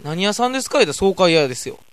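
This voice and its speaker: Kansai comic host, lively banter, lilting voice on the higher side, quick to laugh. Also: male voice, dry recording. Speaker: comedy podcast host. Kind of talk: casual comedy banter.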